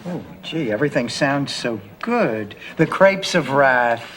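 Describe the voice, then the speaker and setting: A deadpan, sardonic older lady. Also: very deep voice, measured pace, background noise. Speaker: sitcom character. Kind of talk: sitcom acting.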